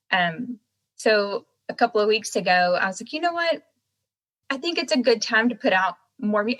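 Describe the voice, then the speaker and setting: A woman's voice: medium pitch, a bit bright, poor audio. An American woman chatting casually as a podcast guest, talking out of one side of a swollen mouth and laughing as she goes. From United States. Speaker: podcast guest, singer-songwriter. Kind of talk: casual chat.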